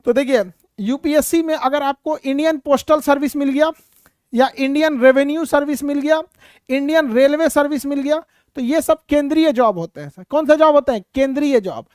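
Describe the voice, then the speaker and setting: A woman's voice: high-pitched, normal speed, darkish tone, no room sound. A woman giving a classroom lecture to live students. She asks rhetorical questions and answers them herself, and breaks off to tease and scold students. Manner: teasing, scolding asides to students. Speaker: teacher.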